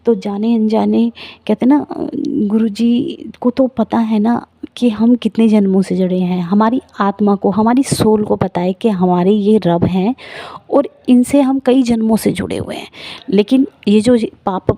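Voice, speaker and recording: A woman's voice: mid-range voice, steady tone, measured pace, dark tone, no room sound. A middle-aged woman earnestly telling the congregation her devotional testimony in an emotional storytelling manner. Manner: emotional, earnest storytelling, addresses listeners as sangat ji.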